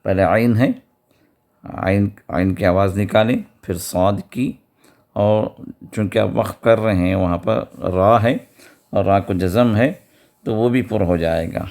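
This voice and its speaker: A man teaching Quran recitation rules, explaining each point and then reciting words slowly and repeating them. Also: fairly low pitch, darkish tone. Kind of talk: tajweed lesson with slow recitation.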